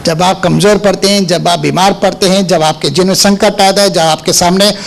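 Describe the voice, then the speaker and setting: A man's voice: high voice, fairly even intonation, a little fast, creaky, slight background noise. A male pastor preaching a sermon, firing rhetorical questions at the congregation and hammering points home with repetition. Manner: emphatic repetition.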